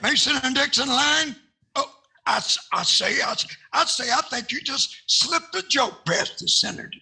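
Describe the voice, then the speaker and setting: An older man playing a blustering, boastful Southern senator in a 1940s radio comedy style, raspy and repeating himself. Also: very high-pitched, lively intonation, normal speed, pushed and bright, exaggerated voice. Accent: American South.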